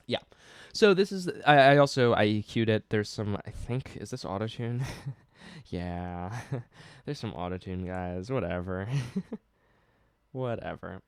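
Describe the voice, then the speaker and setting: A man's voice: on the low side, animated, takes it slowly, long pauses, smooth, no echo, studio quality. Rambling man breaking down his songs. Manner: rambling, self-interrupting, laughs at himself; stops and restarts to play keyboard and guitar. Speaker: singer-songwriter. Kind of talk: casual song breakdown.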